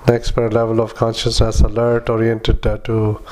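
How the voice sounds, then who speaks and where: A man doing medical dictation in halting, clipped fragments, speaking punctuation aloud as a clinician recording patient notes. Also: on the low side, completely flat delivery, a little mellow, slight background noise. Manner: halting, fragmented clipped phrases with frequent long hesitations.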